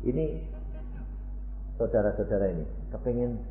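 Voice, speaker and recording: A man preaching a lively sermon. He swings between loud, high exclamations and low, quiet asides, and he keeps putting questions to the congregation. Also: moderate pace. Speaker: pastor. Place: church. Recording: echoey church hall through a thin phone-like sound.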